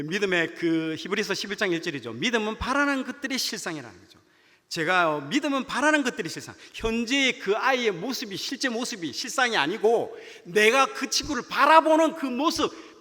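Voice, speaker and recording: A man, a junior pastor, preaching a sermon and telling a personal story in an animated way, acting out the dialogue. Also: high voice. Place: church sanctuary. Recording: church hall reverb.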